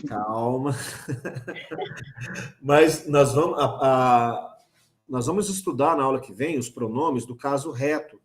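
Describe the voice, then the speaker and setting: A man with a Brazilian Portuguese accent teaching a lively online grammar class, talking straight to his students with teasing asides. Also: medium pitch, slow pace, pauses often, echoey room.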